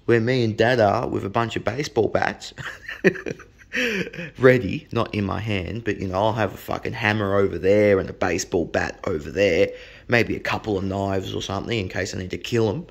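Gravelly Australian man telling a story. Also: lowish voice, moderate pace. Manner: blunt, profane, rambling with restarts. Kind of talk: casual anecdote.

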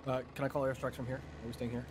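A man's voice: mid-range voice, flat delivery, racing. A man coordinating units over military radio chatter in a simulation game. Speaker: player coordinating convoy and air support. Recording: loud vehicle and game background noise.

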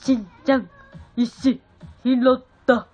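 Girl putting on a lower, breathy cartoon guy voice, super slow drawl, dull lo-fi stream audio w faint music. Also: fairly even intonation, darkish tone. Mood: impressions. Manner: slow, drawn-out impression delivery.

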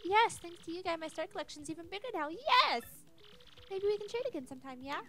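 A woman voicing an eager, excitable collector and trader from a video game. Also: very high voice, fast talker, soft background music, pitched above the performer's own voice, heavily acted. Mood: eager, excited. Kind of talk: reading game dialogue aloud in character.

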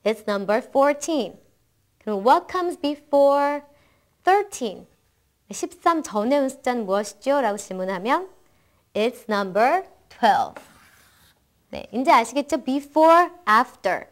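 A young woman teaching math phrases, saying each practice sentence slowly and carefully, and asking and answering her own questions in an encouraging way. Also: high voice, lively intonation. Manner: slow, careful English model sentences between quick explanations. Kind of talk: bilingual language lesson.

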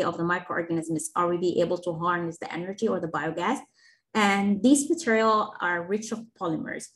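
An Egyptian woman who teaches engineering speaks as a guest at a webinar, her fairly low voice carrying vocal fry. She explains earnestly and answers questions, using fillers and restarting sentences.

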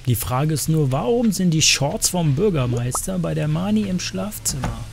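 A man's voice: a little high, animated, normal speed, vocal fry, slight background noise. A man giving casual, chatty gameplay commentary as a streamer, joking around and cursing in crude asides to his chat.

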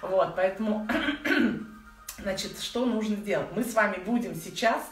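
A woman's voice: medium pitch, a little fast. A woman in her forties giving informal, chatty breathing instruction to beginners, using affectionate diminutives. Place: living room at home, indoors. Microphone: phone or camera set a little way off. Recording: echoey room, distant mic, faint noise.

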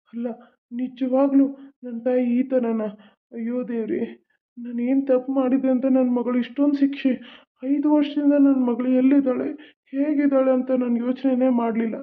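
A performer voicing a grieving young husband in a cartoon, emotional and pleading. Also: male voice, very high voice. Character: grieving young husband searching for his lost child. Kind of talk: cartoon voice acting. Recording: tinny, phone-like sound.

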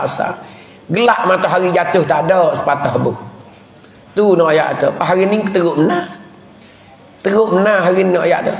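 A man with a Patani Malay accent, a religious teacher giving a village mosque sermon, telling stories with chuckles and chanting prayers. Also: high-pitched. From southern Thailand. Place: mosque hall. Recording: echoey hall from a distance.

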